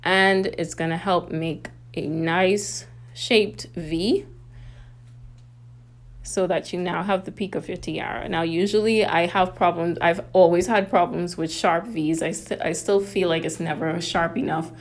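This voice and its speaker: Speaking in a fairly low pitch, a woman from the Bahamas walks viewers through every step of a craft tutorial. Her Bahamian accent comes through in the casual, chatty how-to.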